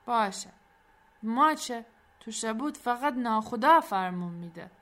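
A woman's voice: on the high side, expressive, fairly bright tone, voice pushed up. A woman plays a bold, knowing man aboard a fishing boat. He speaks with force and confidence, as in an audio story. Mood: confident.

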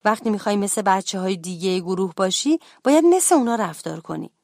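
A woman voicing a calm, kind schoolboy who helps his friend, speaking gently, in a children's storybook reading. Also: mid-range voice, creaky, no echo, clean studio sound, voice pushed down. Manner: gentle and reassuring.

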